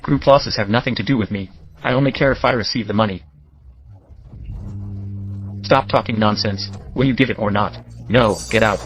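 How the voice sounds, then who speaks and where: A man's voice: lowish voice, normal speed, long pauses, slight background noise, natural voice. A man voicing an arrogant, greedy security captain in an English drama dub, sneering and bullying. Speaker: dub actor.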